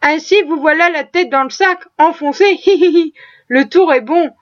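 A woman's voice: very high voice, moderate pace, dull audio. Woman reading as a sly, rat-like man. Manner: sly, sneering.

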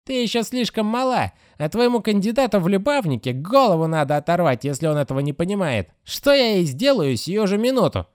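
A man voicing a sharp-tongued middle-aged female caretaker who scolds with open contempt. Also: sits high, big pitch swings, fairly quick, few pauses, no room sound, clean studio sound, pitched above the performer's own voice. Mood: scolding.

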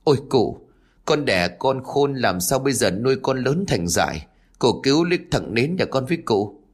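A man's voice: mid-range voice, very animated, moderate pace, breathy edge, voice pushed up. A man voicing a frightened village mother who pleads tearfully for help with her son. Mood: pleading.

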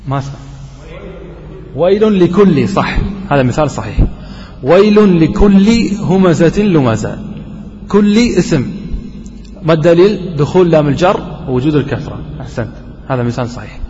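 A man teaching a classroom grammar lesson, quizzing his students and slowly repeating each example. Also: fairly high pitch, lively intonation, mellow. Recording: dull lo-fi recording with long reverb and faint noise.

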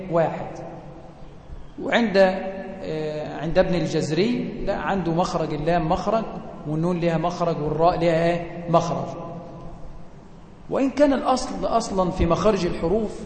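A man with an Egyptian accent teaching Quran recitation rules. He poses questions to the class and answers them himself, and draws out the recited examples slowly. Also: fairly high pitch, darkish tone, reverberant, long reverb tail, a little hiss or hum. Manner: slows to a drawn-out chant for recited examples. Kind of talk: tajweed lesson.

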